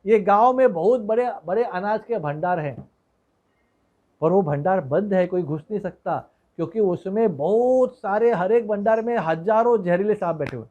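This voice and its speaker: A man voicing a gentle divine saint giving instructions. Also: sits high, moderate pace, narrow, tinny audio, natural voice. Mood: instructing. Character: divine male saint giving a calm command.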